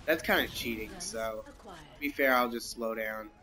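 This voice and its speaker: A man's voice: medium pitch, moderate pace, sharp tone, a little hiss or hum. A young man casually commenting while playing a racing game, rambling and reacting aloud, with the hiccups. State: has the hiccups. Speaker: gameplay commentator. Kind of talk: casual let's-play commentary.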